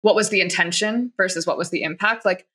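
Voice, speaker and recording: A woman's voice: on the low side, quick pace, a bit bright, slightly rough. Chatty woman giving workplace advice. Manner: chatty, many "like" fillers, acts out quoted lines. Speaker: guest expert on workplace conduct. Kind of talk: conversational advice.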